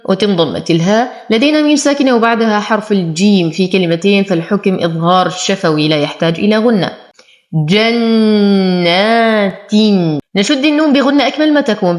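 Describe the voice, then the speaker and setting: A woman teaching Quran recitation. She slowly draws out each recited word, then briskly explains the rules. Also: medium pitch, lively intonation.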